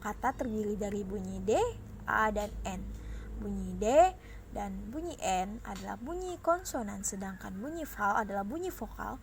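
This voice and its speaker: A woman's voice: mid-range voice, animated, moderate pace, creaky, slight background noise. A young woman with an Indonesian accent, a student presenter reading lecture notes aloud carefully, with small slips and restarts. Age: young adult.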